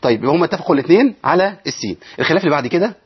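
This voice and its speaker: A man with an Egyptian accent teaching Quran reading in an online lesson. He explains step by step, poses questions and answers them himself, and recites verses slowly. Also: fairly high pitch, lively intonation, breathy edge. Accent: Egyptian Arabic. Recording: dull lo-fi sound.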